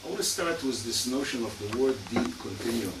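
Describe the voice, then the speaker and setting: Speaking fairly quickly with lively intonation and a mid-range voice, a man lectures academically as a criminologist, his accent Hungarian and Israeli. He sprinkles in many fillers and dry asides. A far mic in the echoey lecture room yields a noisy recording.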